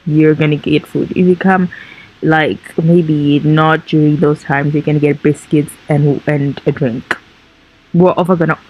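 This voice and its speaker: A woman's voice: deep voice, darkish tone. A woman from Africa with an African accent, ranting emphatically and repeating her points in a clip. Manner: emphatic, repeats points, calls people liars. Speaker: social media commentator. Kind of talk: indignant rant. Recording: slightly dull, lo-fi audio.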